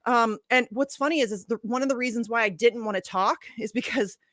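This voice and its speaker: A young woman co-hosts a casual show, talking quickly and animatedly, with frequent laughter and plenty of swearing. Her voice sits a little high, recorded dry and close, with almost no room sound. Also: fairly bright tone, dry recording. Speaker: podcast co-host. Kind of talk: casual chat.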